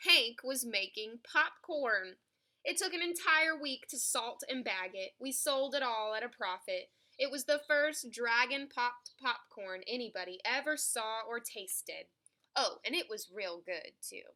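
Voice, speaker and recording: This storybook reader is a woman with a somewhat high voice who reads a kids' picture book with lively expression. She goes a little slowly.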